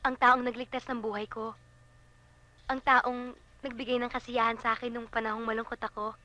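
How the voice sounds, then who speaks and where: An actress playing a young blind woman waiting for eye surgery, speaking in a gentle, emotional way. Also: on the high side, flat delivery, normal speed. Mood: overjoyed. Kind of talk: film acting.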